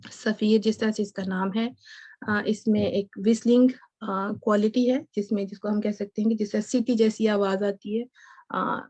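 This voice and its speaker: A woman teacher gives a patient recitation lesson, explaining slowly and checking in with her students. Her voice sits at an ordinary middle pitch. The recording is dry and close, with no room sound. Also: darkish tone, no room sound. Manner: mixes English words into her explanation. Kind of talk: online tajweed lesson.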